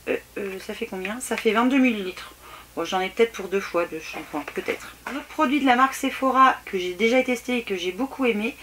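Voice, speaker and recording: A woman reviews beauty samples in a casual, chatty vlog. She talks haltingly, with many restarts and fillers, at an ordinary middle pitch. A faint hiss and small clicks sit behind her voice. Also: fairly bright tone. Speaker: beauty vlogger. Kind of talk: casual product unboxing review. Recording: faint background noise and clicks.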